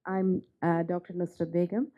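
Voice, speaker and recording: A woman's voice: on the low side, flat delivery, moderate pace, dull audio. A woman from Pakistan giving an unscripted graduation testimonial, hesitant with many fillers. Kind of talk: unscripted ceremony speech.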